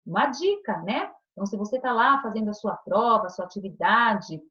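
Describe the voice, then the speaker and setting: A woman's voice: medium pitch, animated, fairly quick, fairly bright tone. Woman teacher doing an online class for kids, bouncy voice that goes up and down a lot, kinda dull lo-fi sound, patient and coaxy. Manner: patient, coaxing, speaks to children with many tag questions. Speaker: primary school teacher. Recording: dull lo-fi recording.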